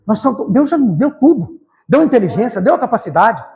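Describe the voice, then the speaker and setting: A man preaching an evangelical sermon in church, fervent and emphatic, addressing the congregation directly and rising to shouts. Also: very high-pitched, very animated, a little fast.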